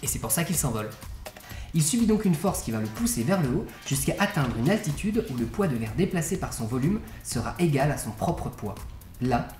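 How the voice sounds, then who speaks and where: A woman's voice: sits low, very animated, fairly quick, a little mellow. A woman presenting science in a scripted explanatory narration. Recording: roomy echo under music.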